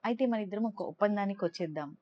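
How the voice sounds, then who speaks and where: A woman voicing a gentle, loving mother who speaks softly and reassuringly to her young son. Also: medium pitch, rapid-fire, natural voice. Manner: soft, tender, reassuring. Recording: dull lo-fi recording.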